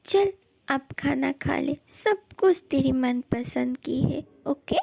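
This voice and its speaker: A woman voicing a scolding, soft-hearted mother. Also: sits high, takes it slowly, vocal fry, full character voice. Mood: reassuring. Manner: scolding, then fussing and bossy. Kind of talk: fan dub audio drama.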